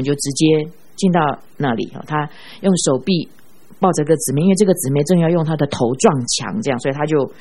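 A woman preaching a sermon, telling stories in an animated way and ending phrases with a drawn-out "ah". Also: deep voice, slightly rough. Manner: animated storyteller who ends phrases with a drawn-out "ah". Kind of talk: sermon with storytelling.

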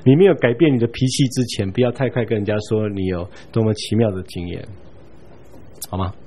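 A man giving a Bible study lecture in a relaxed, chatty way, chuckling now and then and checking in with his listeners. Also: lowish voice, brisk, slight background noise. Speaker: Bible teacher.

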